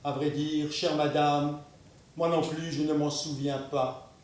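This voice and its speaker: A man playing a stiff, ceremonious gentleman. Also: fairly high pitch, little pitch movement, far from the mic, a little hiss or hum. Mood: formal, wondering. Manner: slow, ceremonious, repetitive politeness. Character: polite stiff gentleman, earnest, formal. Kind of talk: stage play performance. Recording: echoey room, miked from afar.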